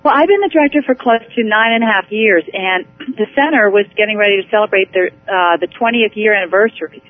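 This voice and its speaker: An eager woman talks over a thin, phone-like line, her voice squeezed into a narrow band. She rambles with warm enthusiasm, restarting sentences as she goes. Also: mid-range voice, fast talker. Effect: heard over the phone. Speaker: executive director, interview guest. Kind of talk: phone interview.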